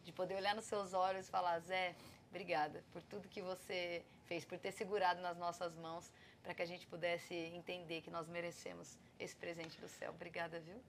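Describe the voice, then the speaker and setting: A woman's voice: lowish voice, flat delivery, fairly quick, a little hiss or hum. A Brazilian woman guest on a podcast, speaking heartfelt thanks. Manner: warm, grateful, heartfelt.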